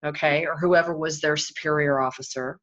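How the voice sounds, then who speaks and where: A woman's voice: low voice, steady tone, brisk, fairly bright tone. A woman hosting a casual interview, speaking emphatically and addressing the audience. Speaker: host.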